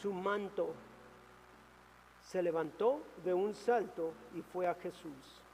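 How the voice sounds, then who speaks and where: Male pastor, high voice, slow and deliberate, dramatic swings from loud to hushed, church-hall reverb with faint music. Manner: preaching with dramatic rises and hushed drops. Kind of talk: sermon.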